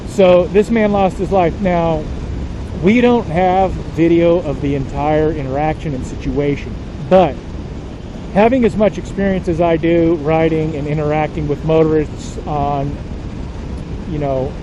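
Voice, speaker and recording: A man talks into his camera for a somber motorcycle vlog, speaking slowly and haltingly as he holds back tears. His voice sits a little high. Steady traffic noise from the road carries behind him. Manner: slow, halting, emotional, choking back tears. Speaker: motorcycle vlogger.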